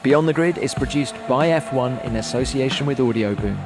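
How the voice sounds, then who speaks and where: A man's voice: mid-range voice, a little fast, over music. A man hosting a podcast, friendly and upbeat as he interviews and signs off. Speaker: podcast host. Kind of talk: podcast interview and scripted outro.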